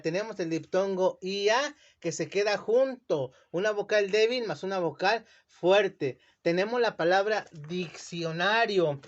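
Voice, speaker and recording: Man slowly spelling out syllables for children. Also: high voice. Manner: slow, careful, drawing out words syllable by syllable. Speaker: teacher. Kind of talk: classroom lesson explanation. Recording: dull lo-fi sound.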